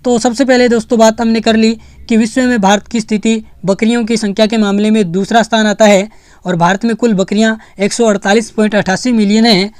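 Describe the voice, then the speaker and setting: A teacher delivers an exam-prep lecture in a smooth, resonant voice. The sound is dry and close, with no room echo. Key facts come again and again, and the students are addressed as friends. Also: medium pitch, flat delivery, a little fast. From Rajasthan.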